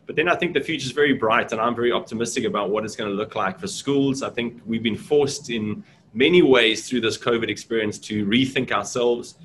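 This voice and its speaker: Brisk and fairly bright, the mid-range voice of a middle-aged South African deputy principal comes through a webcam in a small indoor room, with slight background noise. He answers a casual interview earnestly and reflectively, leaning on fillers.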